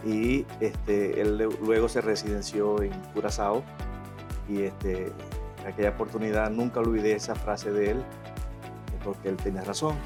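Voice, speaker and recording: A middle-aged man from Venezuela speaks as an interview guest. He tells his story in a reflective way and fills his pauses with short hesitations. Faint music runs softly behind him. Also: fairly low pitch, flat delivery.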